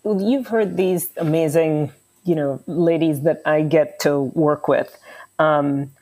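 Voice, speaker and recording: A woman's voice: low-pitched, takes it slowly, darkish tone. A woman from Trinidad and Tobago, a podcast guest talking earnestly with frequent fillers. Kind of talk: podcast interview answer.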